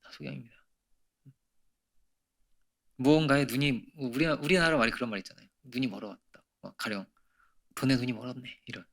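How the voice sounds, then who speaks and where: A man's voice: mid-range voice, steady tone, fairly quick, vocal fry, long pauses, a bit bright. A middle-aged man preaching a Sunday sermon in a church, talking conversationally, asking frequent rhetorical questions and swinging from emphatic peaks to near-whispers. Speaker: pastor. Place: church sanctuary.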